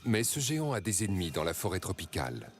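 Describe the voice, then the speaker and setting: A man reading scripted nature documentary narration in a measured, dramatic storytelling way. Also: deep voice, sing-song, over music.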